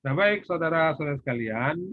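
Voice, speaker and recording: A man's voice: fairly high pitch, expressive, fairly quick, dry recording. A man giving a recorded online lecture, asking questions and answering them himself as he sets assignments. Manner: asks and answers his own questions. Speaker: university lecturer. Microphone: recorded for a YouTube class. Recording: tinny phone-like sound, husky.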